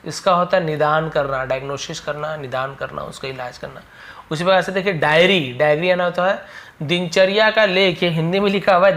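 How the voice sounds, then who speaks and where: A man's voice: a little high, fairly bright tone. A man teaching English vocabulary, explaining each word plainly and repeating its meaning. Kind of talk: vocabulary lesson.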